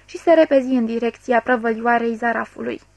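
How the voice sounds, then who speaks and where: Female audiobook reader, high-pitched, steady narration, dry close recording. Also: vocal fry, no room sound. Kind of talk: scripted narration.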